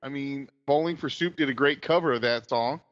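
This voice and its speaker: A man guest on a podcast, chatting casually and repeating words as he gets going. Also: medium pitch. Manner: halting, repeats words as he starts. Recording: dull lo-fi sound with long reverb.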